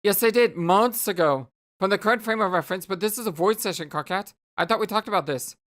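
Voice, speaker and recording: A woman's voice: medium pitch, fast, natural voice. A woman voicing a smug, scheming young female alien troll who lectures others with condescension. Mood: patronizing. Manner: condescending, self-assured.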